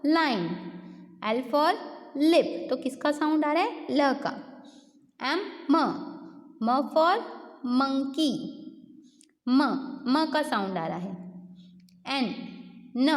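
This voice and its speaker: High-voiced woman, kindergarten phonics teacher, asks and answers her own questions. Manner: slow, repeats each sound, asks and answers questions. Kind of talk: phonics lesson for young children. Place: classroom. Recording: echoey room with long reverb.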